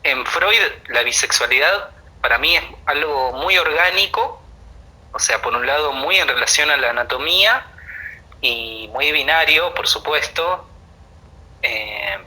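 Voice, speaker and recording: A man speaks in a live online panel conversation. His voice is very bright and sharp, and he talks in an animated, ironic way, ready to laugh. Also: mid-range voice, takes it slowly, long pauses, poor audio.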